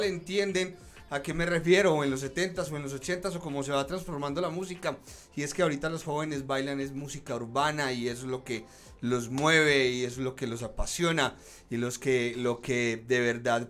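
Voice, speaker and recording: A man's voice: on the high side, fairly bright tone. A man, hosting a live studio interview and talking to his online viewers, at a studio mic. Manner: chatty, talks to online viewers. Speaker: host. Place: small studio, indoors. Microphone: studio mic on a stand.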